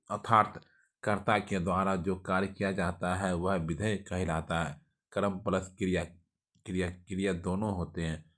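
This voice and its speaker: A man with a Bihari Hindi accent teaching a quick exam revision lesson, reading grammar notes aloud with restarts and frequent checks of "okay". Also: sits low.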